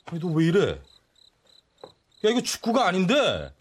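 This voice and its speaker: A young man acting as a brash, swaggering older stepbrother with a husky voice. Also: sits high, huge pitch swings, a little slow, exaggerated voice. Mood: scolding. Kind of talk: drama acting.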